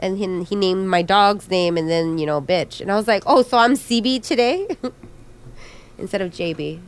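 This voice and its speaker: A woman's voice: medium pitch, moderate pace, clean tone. A woman chatting on a group podcast, playful and laughing often as she tells stories. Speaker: podcast guest. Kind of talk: casual group chat.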